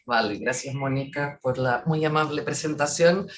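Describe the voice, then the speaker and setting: A woman's voice: extremely low pitch, moderate pace. A woman from Portugal, a native Portuguese speaker, gives an academic presentation as a guest researcher over a video call, speaking thoughtfully and often checking in with "¿ya?".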